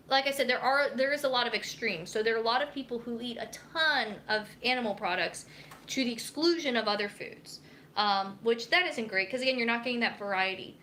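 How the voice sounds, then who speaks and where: Chopping vegetables in her home kitchen, a young dietitian reads viewer comments aloud during a casual live cooking stream. Her voice is on the high side, bright and forceful, with slight hiss or hum present.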